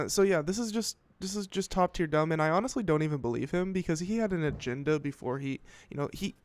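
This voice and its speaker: A man's voice: on the high side, fairly quick. A man hosting a casual commentary show, rambling and swearing as he reads headlines and reacts with frequent restarts. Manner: rambling, profane, self-interrupting. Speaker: podcast host.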